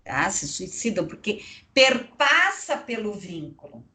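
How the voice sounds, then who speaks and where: A woman's voice: mid-range voice, very animated, a little slow, pushed and bright. A woman giving an online psychology lecture, chatty and digressive, tagging her sentences with little checks to the class. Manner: chatty, digressive, tag questions.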